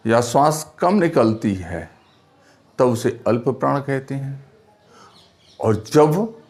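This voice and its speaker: A man teaching a classroom lesson, speaking slowly and spelling out sounds one by one, asking questions and answering them himself. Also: mid-range voice.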